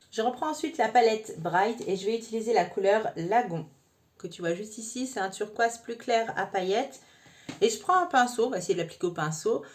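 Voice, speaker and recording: A woman narrates her makeup tutorial step by step. She talks to the viewer in a friendly, informal way and keeps tagging her sentences with little asides. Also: mid-range voice. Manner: chatty, addresses viewer informally with frequent "hein". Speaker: makeup vlogger.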